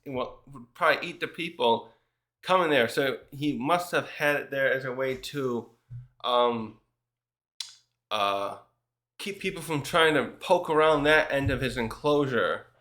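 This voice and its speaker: A man's voice: mid-range voice, sharp tone. A man casually recapping a manga chapter, rambling with restarts and fillers as he reads out what the characters say. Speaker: manga reviewer.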